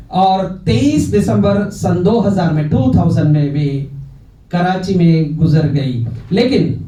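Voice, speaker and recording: A man's voice: sits high, warm tone, muffled recording. A man hosting a music programme, announcing songs formally and mixing in English words. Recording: roomy, distant from the mic.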